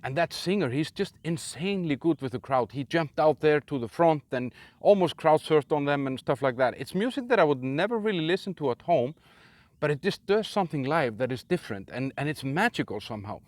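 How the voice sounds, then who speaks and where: A man's voice: on the high side, lively intonation, a little fast, no room sound. Icelandic man reviewing a metal festival. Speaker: metal channel host.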